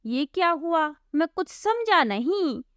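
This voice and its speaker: A woman's voice: extremely high pitch, sing-song, slow pace, no room sound, studio quality, voice pushed up, heavily acted. A woman voicing Sonu, a poor, honest young laborer, sounding bewildered and protesting his innocence.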